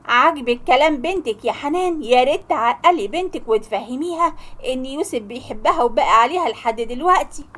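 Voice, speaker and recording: Brief: older aunt, Egyptian accent, quiet and persuasive, voiced by a woman narrator. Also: high-pitched, animated, fairly quick. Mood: coaxing. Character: older aunt, coaxing matchmaker.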